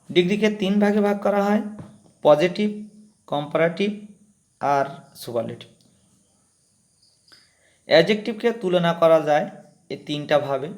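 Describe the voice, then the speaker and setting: Man teaching a grammar lesson, fairly high voice. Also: a little mellow. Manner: explains step by step, repeats key terms. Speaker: English teacher.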